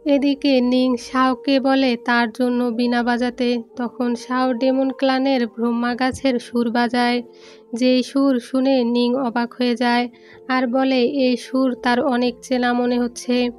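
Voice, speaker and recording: A woman narrating a film recap in a steady, even storytelling read, with soft music underneath. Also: on the high side. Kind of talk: scripted movie recap narration.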